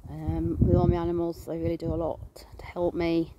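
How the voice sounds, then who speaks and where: A woman's voice: on the low side, monotone, fairly quick, muffled recording, heavy background noise. A woman vlogging from her garden, filming herself on a phone and chatting in a rambling way with lots of fillers. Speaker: vlogger and animal rescuer. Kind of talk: casual self-filmed chat.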